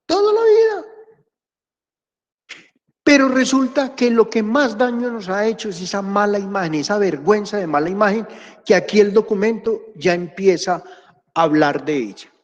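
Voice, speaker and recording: Male teacher, high-pitched, chatty and animated, lecture captured with muffled classroom reverb. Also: moderate pace. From Colombia. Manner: animated, chatty, acts out anecdotes. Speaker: history teacher. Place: classroom, with hybrid remote class.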